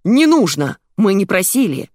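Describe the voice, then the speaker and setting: A woman reading an audiobook, voicing a hysterical businessman who yells and rants over the phone. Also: on the low side, animated, moderate pace, dry recording, clean studio sound. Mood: furious. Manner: yelling, ranting on the phone. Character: hysterical shouting middle-aged businessman. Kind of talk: audiobook character voice.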